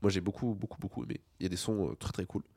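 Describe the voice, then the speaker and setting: A man hosting a radio show, relaxed and slangy, recommending music and films and laughing easily. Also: lowish voice, rapid-fire, vocal fry, no echo, clean studio sound. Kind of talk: casual radio chat.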